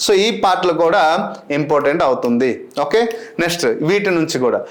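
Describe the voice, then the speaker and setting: A male coach lectures with a rousing push and then runs through lists of grammar terms. His voice sits high. The room echoes around him. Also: lively intonation, quick pace. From Andhra Pradesh, India. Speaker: exam coach, English teacher. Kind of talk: motivational lecture and exam lesson.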